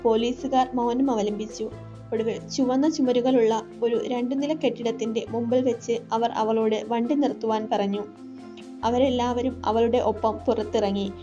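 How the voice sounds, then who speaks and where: Lady reading a short story, calm and steady, soft music under it. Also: on the high side, lo-fi sound. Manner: steady, measured narration. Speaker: story narrator. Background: soft background music.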